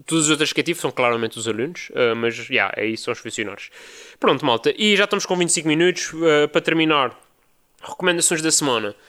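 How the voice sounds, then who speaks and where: A young man with a European Portuguese accent, hosting a podcast and telling a story casually, mimicking people he describes. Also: fast talker. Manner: animated storytelling, mimics others in high voices. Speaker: podcast host.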